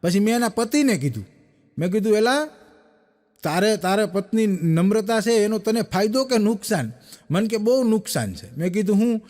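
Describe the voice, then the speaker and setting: A man's voice: high voice, darkish tone. A man doing stand-up comedy, rattling off one-liners and acting out the dialogue in his stories. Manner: rapid joke-telling with quoted dialogue. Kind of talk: stand-up comic storytelling.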